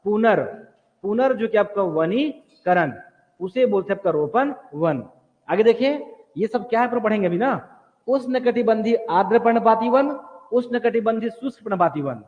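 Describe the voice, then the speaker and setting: High-voiced man drilling a class. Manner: repetitive question-and-answer drilling; directs students to write notes. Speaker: teacher. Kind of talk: exam coaching lecture. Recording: tinny phone-like sound in a reverberant hall.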